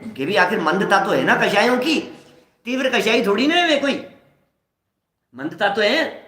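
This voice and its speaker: A man's voice: high-pitched, big pitch swings, moderate pace, bright, forceful tone, reverberant. A man giving a scripture discourse to a live audience, asking rhetorical questions and acting out everyday examples. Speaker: scripture lecturer.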